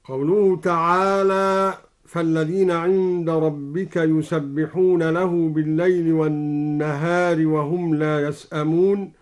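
A man from Egypt, a Quran recitation scholar, explaining reading variants in a measured voice and chanting each example melodically. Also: on the high side, level tone. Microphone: broadcast studio microphone.

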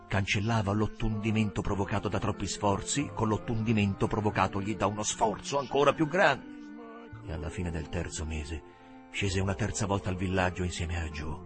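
A man narrating a novel aloud with expressive, dramatic phrasing. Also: low-pitched. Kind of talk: audiobook reading.

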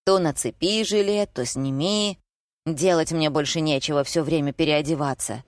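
A woman's voice: low-pitched, normal speed, no echo, close to an everyday voice. Confused grumbly young guy in an audiobook, read by a woman, dry close sound. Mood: grumbling. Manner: bewildered, grumbling. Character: simple-minded, puzzled young man.

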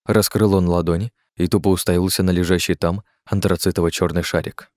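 Deep male audiobook narrator, steady and measured, dry sound. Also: no room sound.

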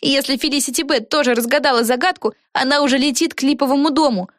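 A woman's voice: high voice, fast talker, no echo, studio quality, voice pushed up, natural voice. A woman voicing a brash, impatient young girl in a storybook, speaking bluntly and hurriedly in a raised voice.

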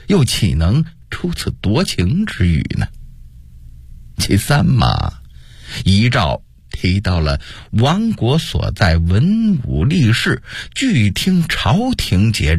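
A man voicing a shrewd, scheming older male monk advisor, speaking in a measured, persuasive way full of rhetorical questions. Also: fairly low pitch, husky, no echo, clean studio sound, exaggerated voice.

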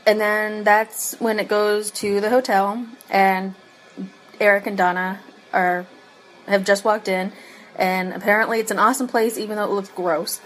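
A woman chatting loosely on a podcast, walking through an episode scene by scene. She laughs often and leans on um and so on. Her pitch sits in the middle for a woman. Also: little pitch movement, moderate pace. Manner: laughs often, many ums and restarts; eating while talking. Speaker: podcast co-host recapping a TV episode. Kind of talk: casual chat.

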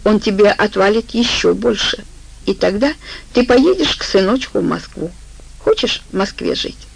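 A woman's voice: medium pitch, animated, moderate pace, gravelly, breathy edge, low-quality recording. A woman voicing a cunning, manipulative woman who talks in a soothing, persuasive way. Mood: coaxing.

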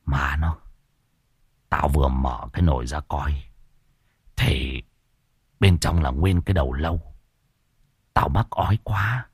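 A man voicing a frightened, hungry older brother who speaks in a low, hushed whisper. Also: lively intonation, moderate pace, long pauses, slightly rough, dry recording, clean studio sound, exaggerated voice. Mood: terrified whisper.

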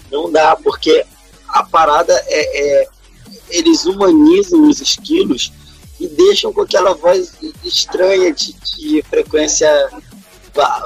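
A man's voice: mid-range voice, creaky, a bit bright, slightly rough, poor audio. A Brazilian man co-hosting a podcast, complaining emphatically in slangy casual chat. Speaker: podcast co-host.

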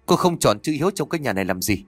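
A man's voice: mid-range voice, very animated, rapid-fire, husky, dry recording. A man voicing an arrogant, cold young husband, speaking contemptuously through gritted teeth in a storybook reading.

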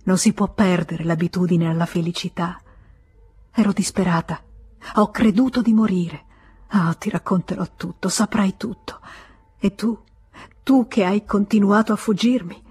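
Una donna che dà voce a una giovane innamorata appassionata e disperata, con tono supplichevole. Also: female voice, mid-range voice, normal speed, a little mellow, breathy edge. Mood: pleading. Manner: pleading, breathless. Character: passionate desperate young woman, pleading lover.

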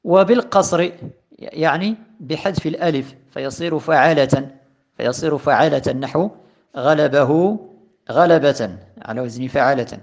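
Male grammar teacher, recorded lesson; deliberate, repeats and stresses patterns. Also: fairly high pitch, creaky. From Morocco. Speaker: teacher of Arabic morphology.

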